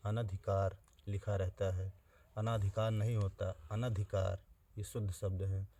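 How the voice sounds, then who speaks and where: A man teaching an exam-prep spelling lesson, speaking straight to his students and slowly repeating each word to spell it out. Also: lowish voice, little pitch movement, warm tone. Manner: plain direct address to students.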